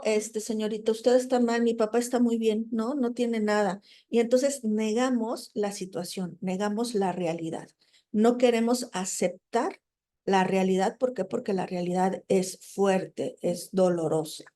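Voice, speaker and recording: A woman's voice: mid-range voice, warm tone. A woman teaching a class in a conversational way, often checking in with listeners and acting out the people she talks about. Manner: conversational, frequent "¿no?" tags and fillers; acts out quoted people while explaining. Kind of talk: recorded lecture.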